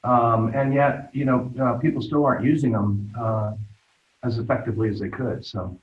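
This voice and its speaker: A man's voice: mid-range voice, steady tone, moderate pace. A man chiming in at a business meeting, hesitant and full of ums. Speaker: meeting participant. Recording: phone-like, echoey room from far off.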